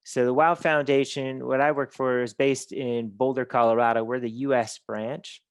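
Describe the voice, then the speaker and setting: A man's voice: medium pitch, flat delivery, moderate pace, clean tone, dry recording. A man giving an online conference presentation, talking with many fillers and restarts over a computer mic.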